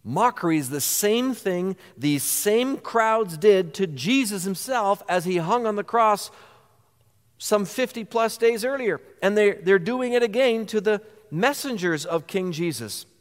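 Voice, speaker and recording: In a church sanctuary with hall reverb, a pastor preaches a sermon, earnestly posing rhetorical questions to his congregation. His voice is high and expressive, delivered at a measured pace.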